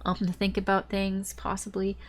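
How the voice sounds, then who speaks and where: With a blocked nose, this tarot reader's medium-pitched voice comes out nasal and stuffy, as though she were holding her nose shut. Her delivery is totally flat and moderately paced, and a little hiss or hum sits under the recording. The reading is casual and meandering, looping back over phrases again and again.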